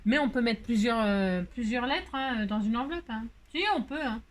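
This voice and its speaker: A woman's voice: on the high side, normal speed. A woman crafting vlogger chatting casually, rambling and playful, with many fillers and jokes, feeling hot. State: hot, complaining of heat. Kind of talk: casual chat while crafting.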